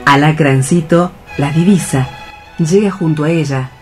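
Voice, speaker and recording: A man with a voice on the high side narrates radio theatre at a measured pace, reading out scripted stage directions. Faint music plays behind him in the recording.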